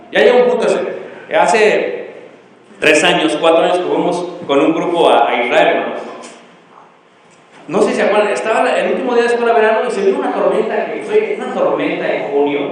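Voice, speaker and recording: A middle-aged man preaching a storytelling sermon and quizzing the congregation with fill-in questions. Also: high-pitched. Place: church hall. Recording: echoey hall with long reverb.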